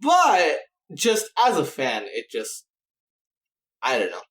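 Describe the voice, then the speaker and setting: Talking slowly on a gaming podcast, this co-host rambles and keeps restarting his sentences, his somewhat bright voice swooping wildly in pitch. He often asks "right?" and "you know?", and the room carries an echo.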